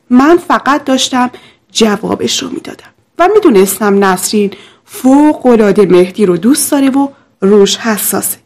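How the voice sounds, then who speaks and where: A woman narrating a scripted first-person story in a steady, confessional way. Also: medium pitch.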